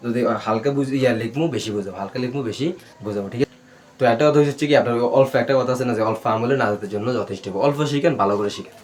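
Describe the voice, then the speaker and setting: A man teaching a Quran reading class, spelling Arabic letters out slowly and drilling them with repeated questions and answers. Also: mid-range voice, a little mellow, slight background noise. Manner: slow, syllable-by-syllable recitation.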